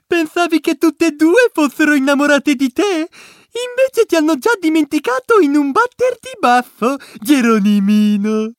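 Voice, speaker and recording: A man's voice: very high voice, sing-song, measured pace, no echo, studio quality, voice pushed up, exaggerated voice. A man putting on the voice of a mocking, giggling young male mouse prankster in an audiobook story. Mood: teasing. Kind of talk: audiobook character reading.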